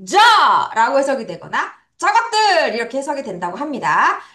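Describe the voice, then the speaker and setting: High, animated woman teaching children. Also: moderate pace. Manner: animated, playful sound words, drills pronunciation. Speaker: English teacher. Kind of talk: children's vocabulary lesson. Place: academy classroom or studio. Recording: echoey room.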